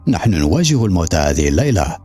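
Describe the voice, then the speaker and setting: A man's voice: sits low, big pitch swings, quick pace, dark tone, faint music behind. A man voicing an angry ship captain. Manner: harsh and commanding.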